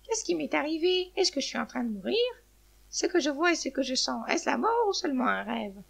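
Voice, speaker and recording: A woman's voice: sits high, very animated, a little fast, vocal fry, pitched above the performer's own voice, full character voice. A woman voicing a brave, defiant hen who is tired of living, in a storybook tale. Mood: despairing. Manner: proud and scornful, then despairing. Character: brave defiant hen, female, weary of life. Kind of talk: storybook narration.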